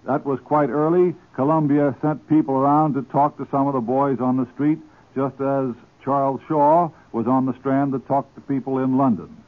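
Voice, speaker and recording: A male correspondent delivering a wartime report in a formal, steady manner, heard on an old 1940s radio broadcast. The sound is thin and tinny like an archive newsreel, his voice in a mid pitch range. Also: normal speed.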